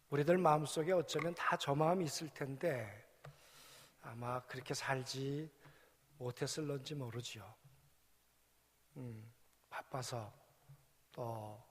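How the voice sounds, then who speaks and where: A man's voice: on the high side, breathy edge. A male pastor preaching a sermon reflectively, asking his congregation rhetorical questions. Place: church sanctuary. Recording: long church hall reverb.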